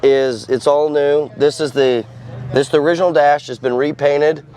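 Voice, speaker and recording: A man with a hoarse smoker's rasp, casually walking through the technical details of a truck build. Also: a little high, steady tone, moderate pace, a little mellow. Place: outdoors at a truck show. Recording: outdoor car show with faint noise.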